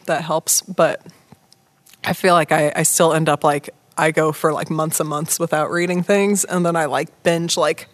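A woman's voice: sits low, steady tone, moderate pace, dry recording. A woman co-hosting a podcast, chatting casually and rambling with lots of fillers. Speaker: podcast co-host. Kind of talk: casual chat.

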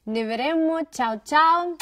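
A woman's fairly bright, high-sitting voice comes through a little slowly in clean, echo-free studio sound recorded from a distance. She is a folk musician from Queens, New York, enthusiastically telling young listeners about her family and music in a scripted educational talk, set in an indoor studio with a wooden wall behind her.

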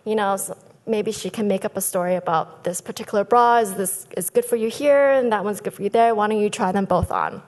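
A woman in her thirties, a business founder who grew up in Thailand, giving a lively prepared talk from a lectern on a conference stage. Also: mid-range voice, fairly quick. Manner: lively, gestures with both hands, speaks from a lectern. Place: large conference hall stage. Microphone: lectern microphones. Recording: long hall reverb.

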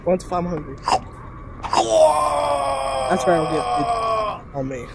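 A man's voice: on the high side, fairly even intonation, slow, raised voice, heavy background noise. A young man giving casual, joking gameplay commentary full of slang. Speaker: gamer.

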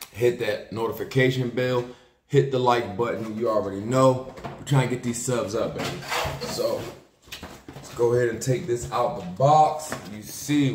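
A Maryland man in his thirties unboxes sneakers for his YouTube vlog in a small indoor room with a plain wall. He chats casually, laid-back and slangy, repeating his phrases. His voice is mid-range and a little mellow, and the roomy, echoing audio carries a little hiss or hum.

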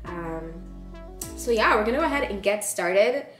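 A woman's voice: mid-range voice, expressive, moderate pace. A young woman in her twenties chatting casually to camera in her home kitchen, bubbly and talkative. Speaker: vlogger. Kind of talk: casual vlog chat. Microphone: handheld phone camera at arm's length. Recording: echoey kitchen with music behind.

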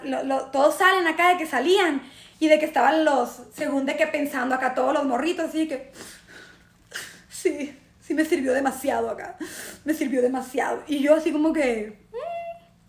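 A woman's voice: high voice, fairly quick. A young woman with a Mexican accent, telling a personal story in a casual, slangy live stream full of fillers. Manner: slangy, chatty, many fillers. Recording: echoey room.

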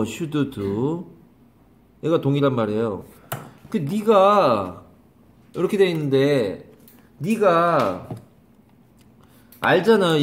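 A man teaching an English grammar lesson to a class, calling on students by name, repeating questions and scolding them. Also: on the high side. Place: small classroom.

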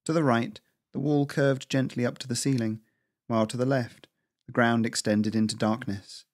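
A man's voice: mid-range voice, fairly even intonation, normal speed, dry recording. Dry-voiced male story narrator. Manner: hesitant, filler-heavy in the intro. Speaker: podcast host and author. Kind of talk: reading fantasy flash fiction.

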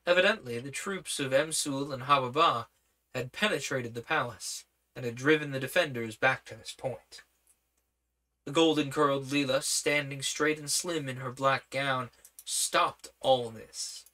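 A man's voice: mid-range voice, measured pace, bright, forceful tone. A man reading an adventure story aloud as a narrator. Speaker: reader on a streamed book reading. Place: indoor room, seated at webcam.

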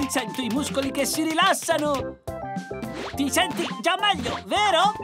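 A woman's voice: sits high, animated, slow. A woman voicing a self-assured young furry blob creature in a cartoon, reassuring in manner. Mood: confident, soothing. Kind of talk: Italian cartoon dub acting. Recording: music behind the voice.

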